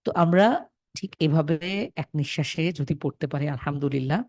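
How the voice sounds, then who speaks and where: A man's voice: a little high, moderate pace, a little mellow, studio quality. A man from Bangladesh teaching Quran reading in a live online class, patiently repeating rules and sounding out syllables for students to echo over a computer mic.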